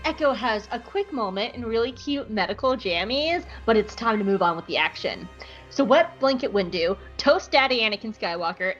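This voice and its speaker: A woman's voice: fairly high pitch, a bit bright, highs cut off. A woman co-hosting a podcast, reading a comedic episode recap in a playful, giggly way from home over a call. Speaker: podcast co-host.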